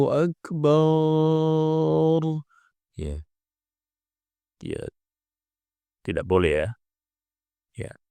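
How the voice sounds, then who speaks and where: A man teaching correct recitation, explaining patiently and repeating points, breaking into drawn-out chanted examples. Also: lowish voice, a little mellow, no echo, studio quality. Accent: Indonesian. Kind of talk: instructional explanation with chanted call-to-prayer examples.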